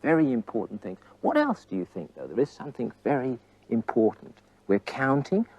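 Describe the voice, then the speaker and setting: A man's voice: medium pitch, wildly swooping pitch, a little fast, darkish tone, husky. A man coaching tennis on court, asking his pupils coaxing questions and counting rally hits aloud. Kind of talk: on-court teaching demonstration. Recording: dull lo-fi old TV recording.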